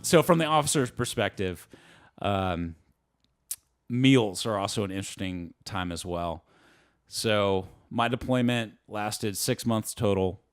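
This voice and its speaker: A man in his twenties, a navy submarine officer, telling stories in a relaxed and chatty way with light laughs and fillers during a casual podcast interview. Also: on the low side, a little slow, clean tone, dry recording, soft background music.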